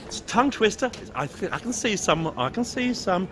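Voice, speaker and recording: Walking through a crowded Christmas market street, an Englishman vlogs on a gimbal camera, bantering with stallholders and chuckling at his own jokes. He talks fairly quickly in a high-pitched voice with big pitch swings, while crowd chatter fills the background.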